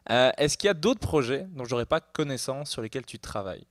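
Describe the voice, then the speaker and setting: A man's voice: medium pitch, animated, fairly quick, no echo, studio quality. A man hosting a live podcast, asking a guest questions in an upbeat, laughing manner. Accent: French-speaking. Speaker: podcast host. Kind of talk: casual live podcast interview. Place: live podcast taping before an audience.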